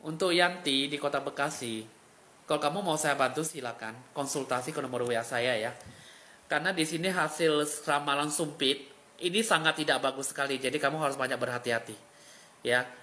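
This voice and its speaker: A man's voice: a little high, brisk, bright, forceful tone. A man giving a live fortune reading as a spiritual fortune-teller, in a dramatic, pitying and emotional way.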